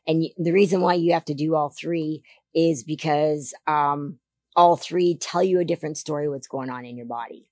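A Canadian woman in her forties, a figure competitor appearing as a podcast guest, gives emphatic, animated health advice in a casual interview while seated on a sofa in a studio set. Her voice is deeper than it once was, her pace moderate, and the boom mic on a stand picks up no room sound.

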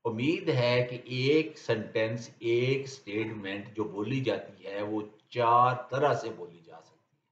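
A man with a Pakistani Urdu accent teaching English grammar in a lecture, reading his example sentences very slowly and deliberately. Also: mid-range voice, slight background noise. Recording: dull, roomy lecture recording.

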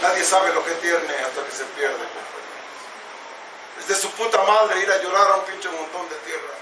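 A man's voice: on the high side, normal speed, recorded from a distance, background noise. A man with a Mexican Spanish accent giving a raw, impassioned personal testimony at a recovery meeting, swearing heavily and calling his listeners companions. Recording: echoey hall recorded from afar.

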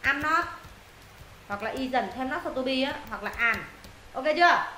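High bright-voiced woman teacher drilling students. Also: expressive. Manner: questioning, drilling students with quick prompts. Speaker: English teacher. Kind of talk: classroom lesson explaining answers. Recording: roomy echo, faint noise.

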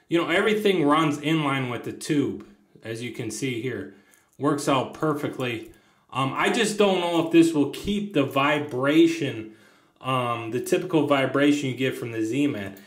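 A man casually showing fishing lures at a table, rambling with lots of ums and restarts. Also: fairly high pitch. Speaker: fishing channel host. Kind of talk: casual tabletop lure demo. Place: indoors at a tabletop, hands on camera. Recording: echoey room.

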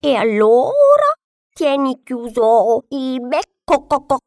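A haughty know-it-all hen, squawking high and drawn out. Her words keep breaking into stuttering clucks. Close, dry sound. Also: huge pitch swings, takes it slowly, a little mellow, dry recording, full character voice. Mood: bossy clucking.

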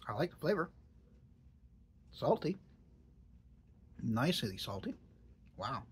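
A man's voice: mid-range voice, sing-song, slow pace, breathy edge. A middle-aged man chatting casually in a vlog, musing and hesitant, with dry jokes. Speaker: tobacco reviewer.

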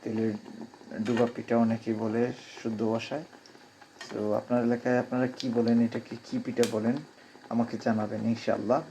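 A man with a Sylheti Bengali accent talks through a home cooking vlog in a hushed, low-key voice. His voice is cracking from a cold, and his pitch stays flat and even. A faint hiss sits behind him. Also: normal speed. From Bangladesh. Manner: speaks softly, hushed at night. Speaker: cooking vlogger. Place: home kitchen abroad.

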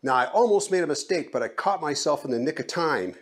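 This DIY vlogger, a middle-aged man, talks brisk and animated through a hands-on how-to job, his voice on the high side and his instructions folksy and plain. The camera's built-in mic picks him up in an open garage and later outdoors on a roof.

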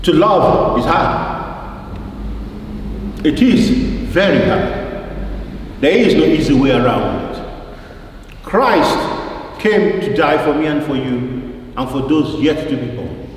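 This mid-range male voice belongs to a preacher giving a sermon during a church service, weighing his words with repetition and asking his congregation rhetorical questions between scripture quotations. He speaks emphatically and deliberately. The recording, made indoors in a big reverberant church with a far-off microphone, is heavily echoey with a faint noise floor.

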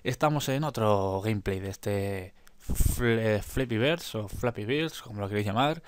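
A man's voice: lowish voice, a little slow, clean tone, dry recording. A man commenting on a mobile game, cursing when he fails and urging himself on to keep playing. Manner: swears in frustration, urges himself on. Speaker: gameplay commentator. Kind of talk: casual gameplay commentary.

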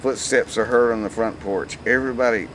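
A man's voice: mid-range voice, fairly even intonation, brisk, a little hiss or hum. A man reading aloud the stage directions of a comic musical script, casually and with amusement. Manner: amused, stumbles and laughs. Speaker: script reader.

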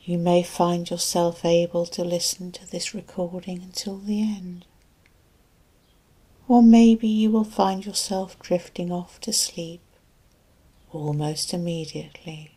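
Guiding listeners through relaxation and sleep hypnosis, this woman hypnotherapist uses a fairly low, soft and breathy voice with little pitch movement. Her delivery is soothing and deliberate, with long pauses between phrases.

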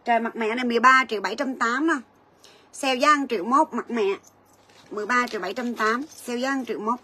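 Bright-voiced chatty woman selling gold. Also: fairly high pitch, husky. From Vietnam. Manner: chatty, rapid price calls, storytelling asides. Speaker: gold shop livestream seller. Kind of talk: livestream sales chat.

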